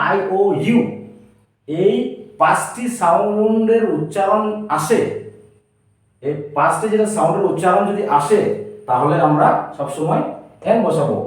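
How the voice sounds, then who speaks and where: A man with an Assamese accent teaching a grammar lesson, explaining step by step and often checking with the class through questions. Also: high-pitched. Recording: echoey room, voice from far off.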